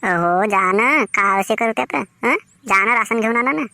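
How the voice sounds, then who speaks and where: A woman's voice: medium pitch, a little slow, bright, forceful tone, dry recording. A woman voicing a nagging village wife in a Varhadi Marathi accent, talking in a scolding, complaining way. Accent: Vidarbha Marathi (Varhadi). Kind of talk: cartoon voice acting.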